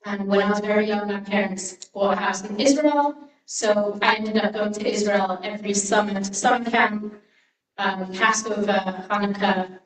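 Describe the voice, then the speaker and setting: A woman in her twenties from the United Kingdom, speaking as a guest speaker to a congregation in a relaxed way with frequent "um" fillers. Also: medium pitch, normal speed. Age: 20s. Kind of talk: personal talk to a congregation. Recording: echoey room, mic at a distance.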